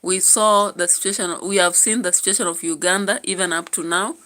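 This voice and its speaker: A woman's voice: fairly low pitch, fairly even intonation, a little fast, pushed and bright. A Kenyan woman hosting a YouTube channel, giving chatty political commentary and musing aloud with frequent fillers. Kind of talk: casual political commentary vlog.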